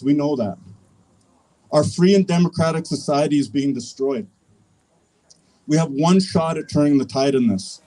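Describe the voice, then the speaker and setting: Mellow-voiced Canadian man giving a rally speech. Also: on the high side, poor audio. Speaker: political activist speaker. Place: public rally, speaking to an audience.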